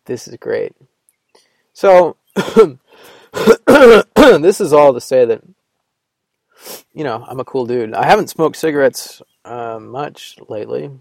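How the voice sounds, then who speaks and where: A podcast host in Vermont, still recovering from a cold, rambles alone in a sarcastic solo monologue full of fillers. His mid-range voice is creaky and darkish, recorded with no echo.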